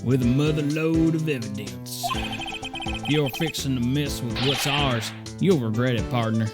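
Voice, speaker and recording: A man's voice: mid-range voice, close to an everyday voice. A man doing a drawling cowboy detective. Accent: Texan (put on). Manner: slow Western drawl. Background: loud game music.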